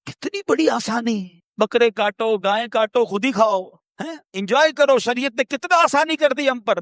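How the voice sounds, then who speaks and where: A Pakistani man delivers an emotional sermon in a high-pitched voice, recorded close and dry. He drops to hushed low asides, then rises into impassioned pleas. He chants sacred phrases slowly and drawn out. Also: no room sound. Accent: Pakistani Urdu. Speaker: preacher. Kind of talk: emotional Urdu sermon storytelling.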